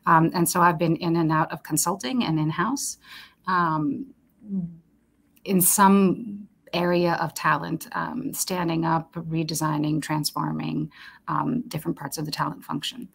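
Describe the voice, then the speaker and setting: Low, gravelly woman on a video call. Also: fairly even intonation. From Romania. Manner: measured, thoughtful, with frequent ums. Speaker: guest, talent executive. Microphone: webcam on a video call.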